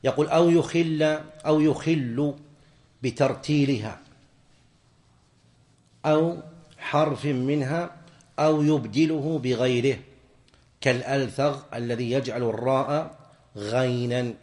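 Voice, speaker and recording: A man teaching a classroom lesson on religious law, explaining point by point and quizzing his students with quick questions. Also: medium pitch, a little mellow. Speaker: sheikh teaching jurisprudence.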